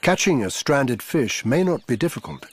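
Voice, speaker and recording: A man narrating a scripted nature documentary in a measured, dramatic storytelling manner. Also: mid-range voice, big pitch swings, husky. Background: music bed under studio voice-over.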